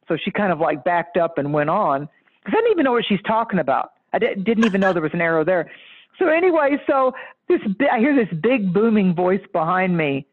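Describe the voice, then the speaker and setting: A woman guest astrologer and psychic telling a story in casual chat, lively and emphatic, laughing now and then as she talks. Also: medium pitch, brisk. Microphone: phone or call line. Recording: tinny phone line.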